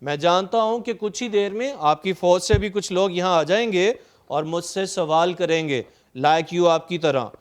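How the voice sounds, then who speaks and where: A male English teacher, reading play dialogue slowly and paraphrasing it in Urdu, then listing synonyms methodically. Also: high voice. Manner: lists synonyms in a steady, methodical drone. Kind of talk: recorded lecture explaining a play line by line.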